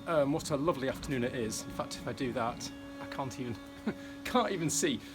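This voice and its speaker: A man's voice: medium pitch, brisk, over music. A middle-aged man casually talking through his boat fit-out on camera, rambling with fillers and restarts and poking fun at himself. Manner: rambling, many fillers and restarts, self-deprecating. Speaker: vlogger fitting out a narrowboat. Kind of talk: casual self-filmed build vlog. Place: outdoors on a boat roof and inside a boat workshop.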